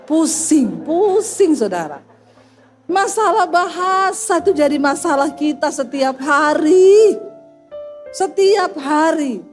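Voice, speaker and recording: A middle-aged woman pastor with a Sulawesi accent gives a humorous sermon in a high, bright voice. She acts out quick back-and-forth dialogue with lively shifts of voice. Faint music plays under her. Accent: Sulawesi Indonesian. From Sulawesi, Indonesia.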